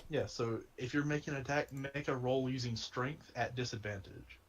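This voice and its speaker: Husky-voiced man running a tabletop game. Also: medium pitch, normal speed. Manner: laughing often, casual and wry. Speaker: game master. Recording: streamed game session.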